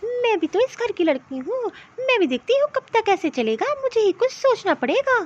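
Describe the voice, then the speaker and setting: A woman voicing a defiant, sharp-tongued young daughter in a cartoon, speaking scornfully. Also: extremely high pitch, big pitch swings, normal speed, dry recording, lo-fi sound. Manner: scornful, complaining. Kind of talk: Hindi cartoon voice acting.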